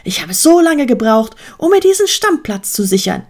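A woman voicing a furious, territorial male sheep who shouts and rants shrilly. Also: fairly high pitch, very animated, normal speed. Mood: raging.

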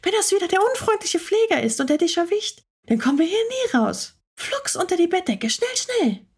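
A woman voicing a young girl lying in a hospital bed, excited and urgent in a storybook tale. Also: moderate pace, heavily acted. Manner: high and excited, urgent whispered warnings.

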